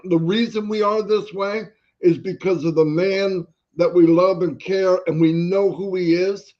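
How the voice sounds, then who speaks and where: A man co-hosting a livestream in a casual, motivational way, his pitch high for a man. He talks emphatically and keeps repeating his key points. The stream audio sounds dull and lo-fi. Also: darkish tone. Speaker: livestream co-host.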